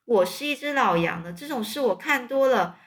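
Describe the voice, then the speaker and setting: A gruff old barnyard sheep from a storybook who delivers grim news plainly, having seen it all before, as a woman reading aloud puts it on. The voice stays fairly high and lively. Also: moderate pace. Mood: blunt. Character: old sheep, blunt and worldly.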